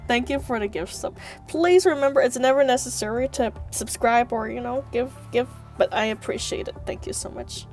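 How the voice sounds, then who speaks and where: Her voice is on the high side with a darkish tone, moving at a moderate pace over background music. As a live streamer playing a game, she giggles and jokes, thanking viewers, reading the story text out loud, and scolding in a mock way.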